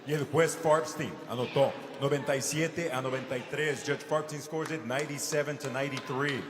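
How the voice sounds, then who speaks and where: A man working as a bilingual boxing ring announcer, with a drawn-out, booming lucha libre-style delivery over an arena PA. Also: fairly even intonation. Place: large indoor arena over PA. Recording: echoey loud arena, crowd noise. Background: loud crowd and noise.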